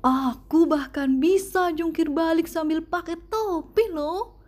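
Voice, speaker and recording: Woman doing an excitable little boy Douglas. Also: very high-pitched, takes it slowly, pitched above the performer's own voice. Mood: excited. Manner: eager, excitable exclamations.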